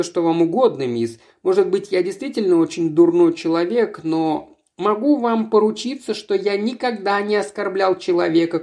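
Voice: medium pitch, vocal fry, a little mellow. A reader as a terse, dry-witted chauffeur. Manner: curt, understated replies. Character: young man, educated chauffeur, reserved and dry-witted.

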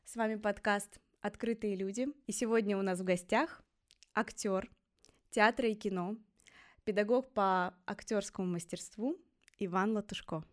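A woman's voice: medium pitch, steady tone, normal speed. A woman hosting a podcast, asking questions in a casual, informal and eager way. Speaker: podcast host. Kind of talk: casual interview.

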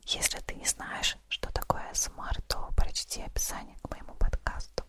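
A podcast host telling stories in a soft, relaxing ASMR whisper, close to the microphone. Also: moderate pace.

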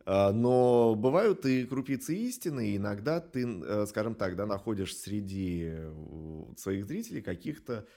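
This interviewee, an animation studio director, talks on the low side with a warm, sing-song voice. He explains in a halting, reflective manner, with long hesitations.

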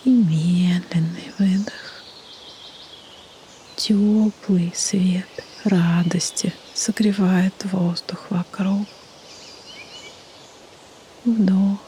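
A woman leading a guided meditation in a soft, breathy half-whisper, with soothing delivery and long pauses. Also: on the low side, steady tone. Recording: faint background noise, birdsong ambience. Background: birdsong and nature ambience.

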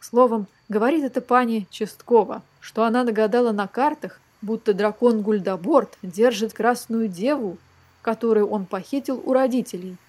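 A woman reading a fairy tale aloud for children, lively and expressive, speaking straight to the young listeners. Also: a little high, moderate pace. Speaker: storyteller.

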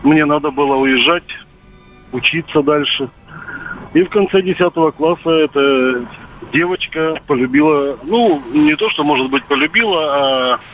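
A man in his fifties calling into a radio show over a landline phone, telling his story haltingly with many pauses and filler sounds. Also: on the high side. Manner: hesitant, filled with "uh" pauses and hedging phrases. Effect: heard over a landline phone. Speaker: caller. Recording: tinny phone line, faint noise.

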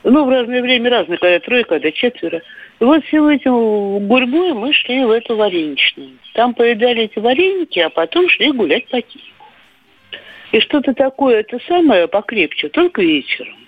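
A woman's voice: a little high, big pitch swings, moderate pace, no room sound. An older woman calling in to a radio show, chatting and reminiscing over a phone line. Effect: caller heard over a phone line on the radio. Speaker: radio caller. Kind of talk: call-in story. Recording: tinny dry phone line.

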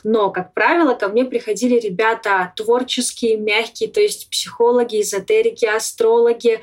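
Confident young woman, bright higher voice. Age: 20s. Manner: confident and upbeat, laughs between points. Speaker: podcast guest, entrepreneur. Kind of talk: casual podcast interview.

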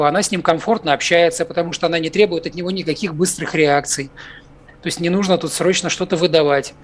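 A man with a somewhat high voice gives expert commentary as a clinical psychologist. He talks in a measured, careful way, hedges his points and often pauses with filler sounds. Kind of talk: expert commentary on a talk show.

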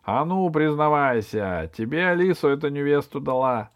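A sinister male villain gloats and threatens in a raised, forceful voice, as a man reading the book puts him on. He sounds sure of his power and cruel, and the telling is storybook narration. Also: on the high side, animated, moderate pace, smooth, lo-fi sound, pitched above the performer's own voice, lightly acted. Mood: gloating. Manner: menacing, gloating.

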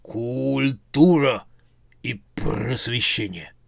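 A man voicing a dim-witted male zombie foreman who answers in slow, halting single words with a hiss. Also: mid-range voice, vocal fry, no room sound, clean studio sound, full character voice. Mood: dull, halting.

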